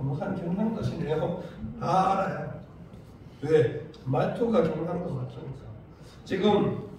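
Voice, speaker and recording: A male pastor with a Gyeongsang Korean accent, preaching a lively sermon with rhetorical questions and humor. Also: fairly high pitch, slight background noise. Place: church sanctuary. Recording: very echoey church from far off.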